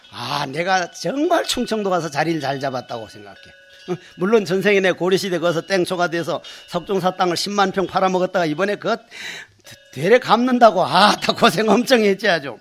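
A man's voice: high-pitched, a bit bright. An older male Buddhist monk giving a dharma talk, telling folksy stories, acting out dialogue and repeating words for emphasis. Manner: folksy storytelling, acts out dialect voices, emphatic repetition. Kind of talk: sermon.

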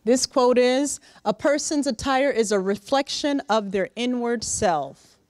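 A middle-aged woman giving a lively, direct motivational talk to young interns in a large conference room, speaking into a handheld microphone. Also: fairly high pitch, unhurried, no room sound. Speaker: workshop speaker. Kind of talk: motivational professional-development talk.

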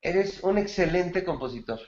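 A man's voice: high voice, lively intonation, normal speed, a little mellow, roomy sound, dull audio. A man teaching songwriting gives feedback on a student's bolero, praising it and explaining grammar with song examples. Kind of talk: feedback in an online class.

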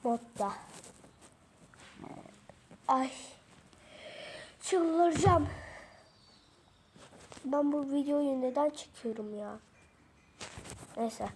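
A woman's voice: sits high, drawn-out words, long pauses, darkish tone, slight background noise. A woman chatting exasperatedly to herself while showing a game on her phone, recorded through the phone's own mic. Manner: exasperated, rambling, talks to herself. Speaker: mobile gamer showing game settings. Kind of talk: casual screen-recorded gameplay chat. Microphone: phone microphone during screen recording.

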